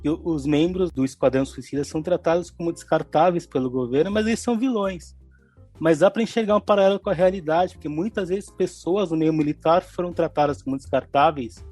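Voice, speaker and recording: A man's voice: on the high side, brisk, darkish tone, no room sound, faint music behind. A man with a Brazilian Portuguese accent, co-hosting a film review podcast in thoughtful, analytical casual chat. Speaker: podcast co-host.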